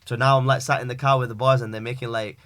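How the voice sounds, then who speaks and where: Here the guest is a young Pakistani wrestler whose medium-pitched, slightly bright voice stays level in tone while he races along. It's a loose podcast conversation, full of rambling, fillers, and British slang.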